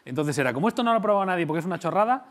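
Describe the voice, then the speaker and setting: A man's voice: high-pitched, racing. Laid-back male guest. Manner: relaxed, matter-of-fact, self-deprecating. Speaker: talk show guest, YouTuber. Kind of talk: casual interview chat.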